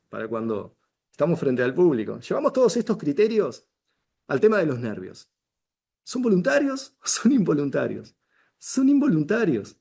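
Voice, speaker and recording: Animated Rioplatense man teaching public speaking. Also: a little high. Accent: Rioplatense Spanish. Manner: emphatic, animated teacher with rhetorical questions. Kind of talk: workshop lesson to camera. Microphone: camera he controls with arm signals.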